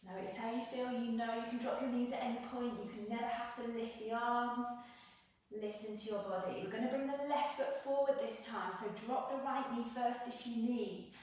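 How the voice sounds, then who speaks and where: A woman yoga instructor giving gentle, encouraging step-by-step cues, slightly out of breath as she moves along. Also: fairly high pitch, fairly even intonation, moderate pace. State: slightly out of breath while moving. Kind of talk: guided yoga class cueing. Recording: echoey room, mic set at a distance.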